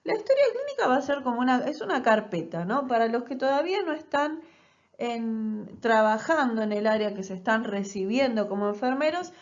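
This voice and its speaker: A woman's voice: a little high, very animated, fairly quick. Woman, nursing lecturer, explanatory, rhetorical check-ins, muffled lo-fi audio. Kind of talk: recorded online class.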